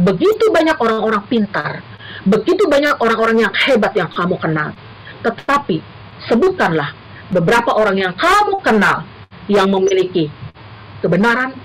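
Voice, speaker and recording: Lively, high-voiced middle-aged woman preacher. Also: normal speed, pauses often, a little hiss or hum, low-quality recording. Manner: earnest, addresses listeners as brothers and sisters. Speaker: university lecturer speaking at church. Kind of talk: church talk to a congregation. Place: church service.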